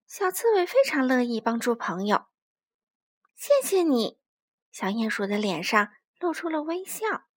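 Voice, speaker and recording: A woman narrating a children's story in a gentle, expressive way. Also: high-pitched, slightly rough.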